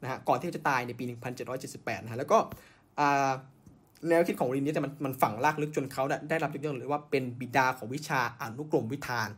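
A man's voice: medium pitch, fast, fairly bright tone, breathy edge. A man hosting a podcast, telling science history in a casual way, with many fillers and self-corrections. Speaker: podcast host.

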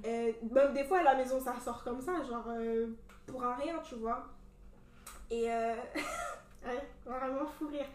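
A young woman from Cameroon telling a story in casual chat, animated and full of fillers. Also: sits high, slow pace, slight background noise. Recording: echoey room from a distance.

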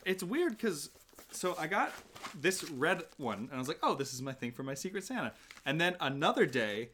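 A man's voice: a little high, sing-song, moderate pace, fairly bright tone, a little hiss or hum. A young man co-hosting a casual chat, rambling with lots of fillers, restarts and chuckles. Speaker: podcast co-host.

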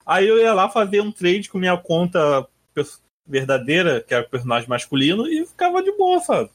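A Brazilian woman in casual chat, talking in an animated, joking way. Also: on the low side, a little fast. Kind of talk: casual chat about gaming.

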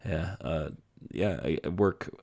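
A man's voice: sits low, slow, creaky, a little mellow. A young man hosting his own podcast from home, rambling casually with lots of fillers and self-deprecating asides. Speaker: podcast host. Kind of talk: casual solo podcast monologue. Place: home basement room.

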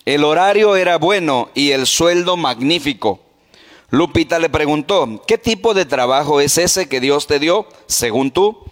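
A man preaching as a pastor, voice a touch high for a man, asking the congregation question after question. His voice rings with a long reverb through a church hall. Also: expressive, measured pace. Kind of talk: sermon.

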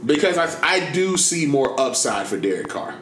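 A man's voice: fairly high pitch, very animated, normal speed, fairly bright tone. A laid-back man giving opinions in casual football chat. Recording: echoey room with noise behind.

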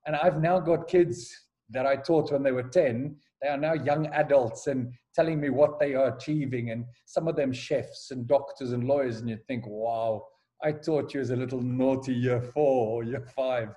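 Over a call recording, this headmaster from South Africa, in his forties, talks through his past for a casual podcast. His medium-pitched, mellow voice keeps a steady tone at a moderate pace, though he often restarts sentences, hesitating and repeating words.

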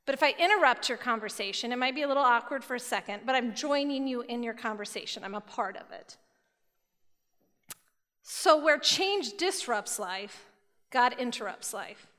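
A woman giving a sermon to a youth group, retelling scripture stories in a lively, casual storytelling way. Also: on the high side, moderate pace. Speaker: youth speaker. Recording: long hall reverb.

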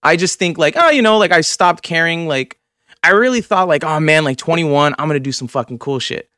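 A man's voice: fairly high pitch, animated, brisk, pushed and bright, clean tone, dry recording, studio quality. A man in his twenties hosting a podcast, talking in a rambling, profane, filler-heavy way. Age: 20s. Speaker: podcast host. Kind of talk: casual chat.

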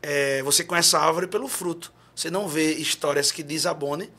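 A man speaks a little fast in a fairly high, bright, forceful voice. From João Pessoa in Paraíba, Brazil, and with a Northeastern accent, he's a podcast guest telling an animated story, performing quotes and breaking out singing.

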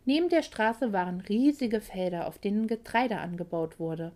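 A woman narrating a romance novel as an audiobook in a calm, even storytelling manner. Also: medium pitch, moderate pace.

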